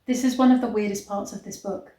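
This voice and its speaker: A woman reads a novel aloud fast, in a mock-dramatic way, pausing for blunt, incredulous comments as an online reader and commentator. Her medium-pitched voice stays steady in tone, while heavy background noise and a roomy, echoey sound fill the recording.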